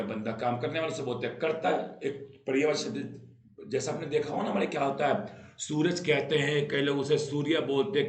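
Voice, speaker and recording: A man with an Indian accent teaching spoken English in Hindi, animated, asking and answering his own questions and acting out little scenes. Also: a little high. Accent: Indian, Hindi-speaking. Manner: acts out little scenes in different voices. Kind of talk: classroom-style lesson. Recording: echoey room.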